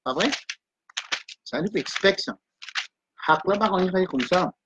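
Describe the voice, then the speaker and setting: A woman teaching Quran reading in a live class. She explains the letters step by step and chants verses slowly. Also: lowish voice, animated, lo-fi sound, background noise.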